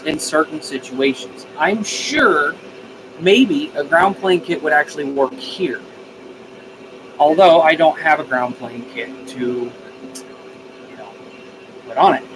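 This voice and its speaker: On his live stream, a radio hobbyist talks casually, working through viewer comments and repeating phrases while thinking aloud. His voice is on the high side, set against a noisy background.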